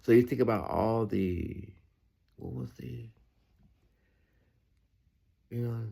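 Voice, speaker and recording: Speaking slowly in a mid-range voice that is creaky, mellow, and slightly rough, this Bible reader offers commentary as he goes. He is emphatic and repetitive, stressing phrases again and again, and turns to the listener with asides looking for agreement.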